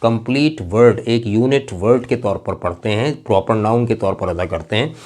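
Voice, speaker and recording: A male teacher giving a classroom lecture in a patient, explaining manner. He spells out example words slowly and letter by letter, and keeps checking that his students follow. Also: fairly low pitch, a little mellow. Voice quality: slow, drawn-out emphasis on example words. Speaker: English teacher.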